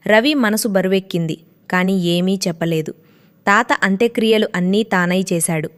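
Woman reading a moral story out loud, smooth clear voice, expressive. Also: medium pitch, moderate pace.

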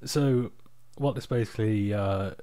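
Male, low-pitched, tired, casual screen-recording walkthrough, unpolished and informal, dry close sound. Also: measured pace, dark tone, no room sound. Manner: informal, unpolished, off-the-cuff explaining. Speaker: software tutorial presenter. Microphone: external microphone, close and dry.

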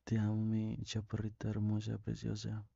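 A young man with a Mexican accent playing a tender, lovesick boyfriend on a call in an ASMR role-play, speaking intimately with pauses. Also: lowish voice, monotone, creaky, warm tone, husky, no echo, lo-fi sound. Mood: tender, devoted. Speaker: ASMR performer.

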